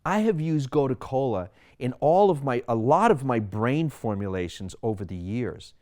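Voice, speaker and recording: A man's voice: medium pitch, animated, moderate pace, darkish tone. A man in his sixties from Sri Lanka, a physician speaking about his wellness philosophy in an explanatory monologue full of rhetorical questions. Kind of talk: personal monologue to camera.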